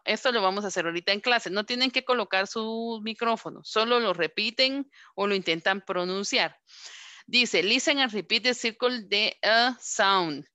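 Woman, Guatemalan Spanish accent, English teacher recording a class; bright tone, stretches words slowly to model them. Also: medium pitch, no echo. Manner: asks and answers her own questions. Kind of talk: recorded online class lesson.

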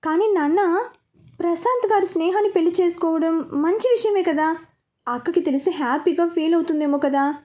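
Teasing younger brother, voiced by a woman, eager, high voice, storybook telling. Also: a little fast, warm tone. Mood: playful. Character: young man, playful, scheming younger brother.

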